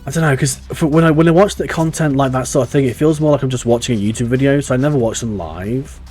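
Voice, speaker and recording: A man streaming a game live keeps up a rambling, casual chat full of swearing and restarts, over faint game music. His medium-pitched voice is a little mellow and slightly rough, and he talks at a quick pace.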